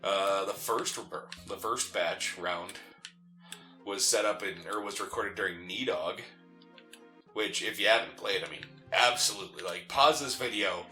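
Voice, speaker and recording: His voice sits on the low side and comes across pushed and bright while he co-hosts a gaming let's play. He chats casually and riffs on the game with teasing jokes. He grew up in a city but has mountain family roots; faint game music plays in a roomy, echoing space.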